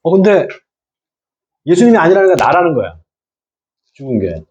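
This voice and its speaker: A man's voice: on the high side, very animated, moderate pace, darkish tone, husky, lo-fi sound. A middle-aged man, a pastor, giving a church lecture to lay people, often questioning his listeners and repeating key words.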